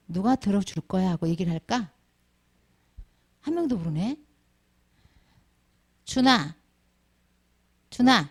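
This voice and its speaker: Her mid-range voice carries vocal fry as this middle-aged woman delivers a children's sermon at Sunday school. She calls on children by name and asks the class many questions.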